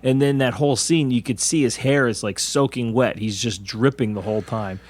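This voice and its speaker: A man in his forties talks about a film in a chatty, casual way, eagerly going over small details he noticed. His voice sits at an ordinary middle pitch for a man. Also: moderate pace, a little mellow. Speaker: podcast co-host. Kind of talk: casual movie discussion.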